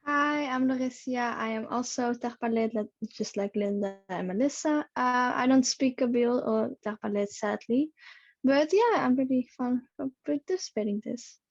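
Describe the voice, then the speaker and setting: A woman's voice: on the high side, normal speed, no room sound. A woman giving a brief, cheerful introduction on a video call. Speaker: panel guest. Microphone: video call, off-mic. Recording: dull, lo-fi video call audio.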